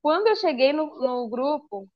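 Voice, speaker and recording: A woman with a Brazilian Portuguese accent giving a personal religious testimony to a group, a lively storyteller who acts out the dialogue she quotes. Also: high voice, normal speed, no room sound, muffled recording.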